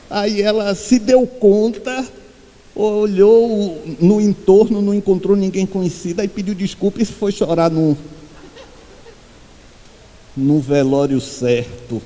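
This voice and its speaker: A man giving a spiritual talk to a congregation, telling humorous anecdotes and acting out the quoted voices in a high pitch. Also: takes it slowly, dark tone, in a large hall. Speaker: spiritual speaker. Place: meeting hall.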